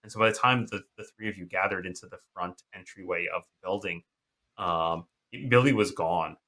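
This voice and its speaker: Bright-voiced halting male game master. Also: low-pitched. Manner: halting, many restarts and fillers. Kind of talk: narrating a horror tabletop game.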